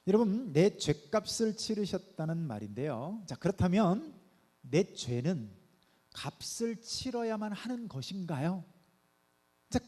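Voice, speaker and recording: A man's voice: fairly high pitch, warm tone, slightly rough. A middle-aged male pastor preaching a midweek sermon, asking the congregation questions and coaxing them with playful asides. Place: church sanctuary. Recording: long reverb of a church hall.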